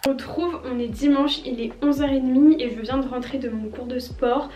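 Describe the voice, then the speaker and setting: A French vlogger in her twenties chats casually to the camera at home, with lots of hesitations and fillers. Her high voice stays steady at a moderate pace. Music plays in the background.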